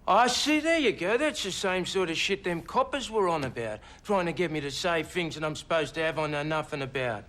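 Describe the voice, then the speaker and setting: A man's voice: fairly high pitch, lively intonation, a little fast, few pauses, a bit bright. An actor playing an agitated male Australian pensioner on methadone, a witness in court who rambles indignantly and keeps saying "mate". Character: agitated scruffy male pensioner addict witness, cocky and evasive. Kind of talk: film drama acting.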